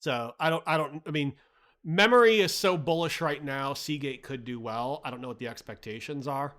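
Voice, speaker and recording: A man's voice: a little high, moderate pace, fairly bright tone. A man hosting a livestream, casually talking through the market, blunt and profane, filling his talk with "like" and "right?". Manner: chatty, reads chat, frequent "like" and "right?". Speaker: livestream host.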